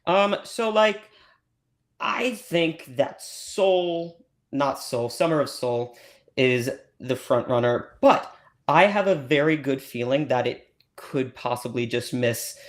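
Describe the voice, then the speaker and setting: Man playing a gushing, rambling livestream host. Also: fairly high pitch. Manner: rambling, gushing, full of ums and restarts.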